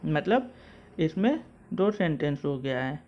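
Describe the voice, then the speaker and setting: A man's voice: on the high side, sing-song, takes it slowly. A male school English teacher explaining a textbook lesson word by word, methodical and repetitive. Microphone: mobile phone. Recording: dull lo-fi phone recording.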